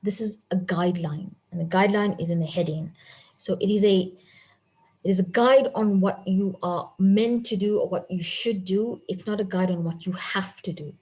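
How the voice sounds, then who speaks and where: A woman teaching a medical history-taking session, speaking in a clear, instructive way and repeating her key points. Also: mid-range voice, normal speed, dark tone, low-quality recording. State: voice a bit off.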